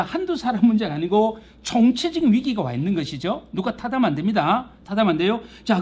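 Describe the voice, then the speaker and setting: A middle-aged male pastor teaching a Bible class in a church classroom, lively and teasing, acting out quarrels and God's voice. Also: high-pitched.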